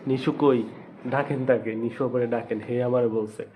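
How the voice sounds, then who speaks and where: A man hosting a casual live stream, chatting with viewers and scolding them, talking quietly so he won't wake others. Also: mid-range voice, fairly even intonation, normal speed. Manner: talking quietly because others are asleep. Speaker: live stream host reading viewer comments. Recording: slightly dull, noisy live stream audio. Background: background noise, firecrackers.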